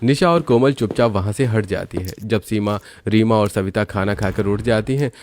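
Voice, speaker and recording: A man narrating a cartoon story in a steady storytelling manner. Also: fairly low pitch, normal speed, soft background music. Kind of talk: scripted narration.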